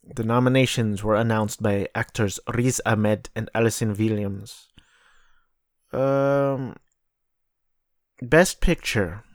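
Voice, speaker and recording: Slow, rambling male vlogger. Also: medium pitch, dry recording, studio quality. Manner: rambling, self-correcting, reads aloud from notes. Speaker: vlogger reviewing films. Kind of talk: casual solo commentary.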